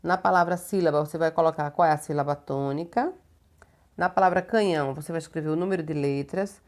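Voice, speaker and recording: A Brazilian woman teaching young children a homework lesson, slow, patient and didactic, stretching words out and checking in often. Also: low-pitched, a little mellow. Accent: Brazilian Portuguese. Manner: uses many diminutives and checking tags. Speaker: primary school teacher.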